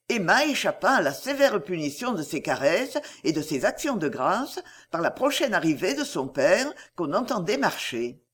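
A woman reading a classic novel aloud as audiobook narration, in an expressive, measured manner. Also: fairly low pitch, husky. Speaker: audiobook reader.

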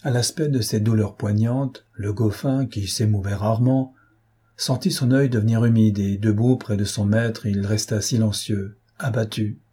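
A man reading a novel aloud in measured, scripted narration. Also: lowish voice, steady tone, warm tone, husky. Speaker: audiobook reader.

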